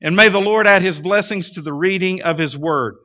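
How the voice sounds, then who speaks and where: A man's voice: high-pitched, fairly quick. A man, preaching as a pastor in a folksy, emphatic way. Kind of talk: sermon. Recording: dull, muffled lo-fi church recording.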